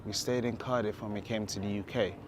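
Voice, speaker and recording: A man's voice: lowish voice, fairly even intonation, fairly quick, background noise. A young man performing spoken word poetry in a rhythmic, rhyming recitation. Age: young adult.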